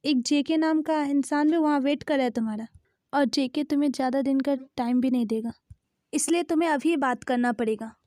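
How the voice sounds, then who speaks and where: महिला की आवाज़ में डाँटता हुआ, अधीर दोस्त. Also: female voice, high-pitched, fairly quick, a little mellow, no echo, clean studio sound, lightly acted. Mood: impatient. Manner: scolding, pushy. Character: bossy impatient young male friend. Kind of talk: Hindi fan-dub storytelling.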